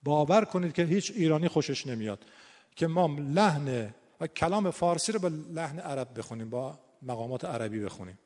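A man with a fairly high-pitched voice talks in an earnest, explanatory way, weaving recited Arabic verses into his points. His voice carries a long reverb tail, as if he is speaking in a large hall. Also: expressive, a little mellow. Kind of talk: conversational explanatory talk.

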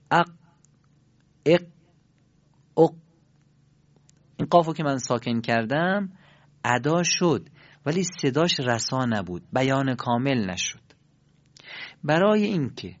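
A man teaching Quran recitation in a recorded lesson, demonstrating sounds slowly and asking learners to repeat after him. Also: medium pitch. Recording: dull lo-fi recording.

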